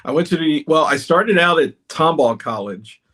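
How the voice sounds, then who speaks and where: A man's voice: fairly high pitch, moderate pace. A middle-aged man from Houston talks as a podcast guest, easygoing and reminiscent. He drifts through his memories at a conversational pace, often restarting a phrase before settling on it. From Houston, Texas. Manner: relaxed, reminiscing, frequent restarts. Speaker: podcast guest, baseball historian. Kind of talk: casual interview storytelling.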